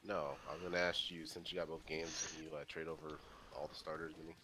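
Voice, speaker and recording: Deep-voiced man commenting on his game. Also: fast, a little hiss or hum. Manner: excitable, jokey banter with a friend. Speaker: let's play host. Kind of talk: casual gameplay commentary.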